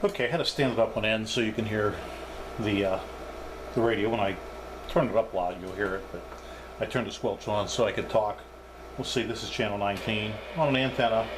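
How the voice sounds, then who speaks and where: Speaking fairly quickly in a somewhat low voice, this man demonstrates radio gear in an offhand review, hesitating as he thinks out loud. Background noise is clearly present.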